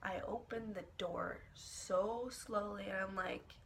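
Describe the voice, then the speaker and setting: A young woman vlogger telling an embarrassing personal story in a dramatic, expressive way, swearing casually and with lots of filler words. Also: medium pitch, slow, creaky, a little hiss or hum. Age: young adult. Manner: casual, profane, filler-heavy. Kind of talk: storytime vlog.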